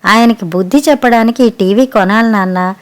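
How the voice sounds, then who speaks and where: A middle-aged woman narrates a domestic drama as an audiobook reader. Her voice sits a little high, and she colours each character's lines with its own tone while keeping the narration steady. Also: fairly quick. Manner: expressive, shifts tone for each family member's lines. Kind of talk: storytelling narration with voiced dialogue.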